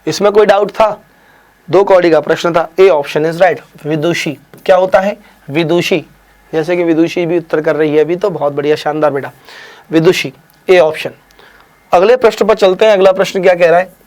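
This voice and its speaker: A man teaching a live online spelling quiz, who urges students to answer fast, praises them briskly, teases them, and stretches each word out slowly. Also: high-pitched, a little mellow. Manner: drawn-out slow spelling of words, brisk praise and teasing. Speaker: Hindi exam teacher.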